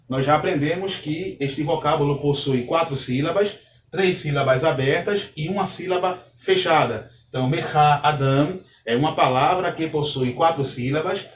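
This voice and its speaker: A man's voice: on the high side, a little hiss or hum. A man teaching a grammar lesson, explaining step by step and checking in with "ok?" as he goes. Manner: methodical, repeats points, checks in with "ok?". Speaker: Hebrew teacher. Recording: echoey room, distant from mic.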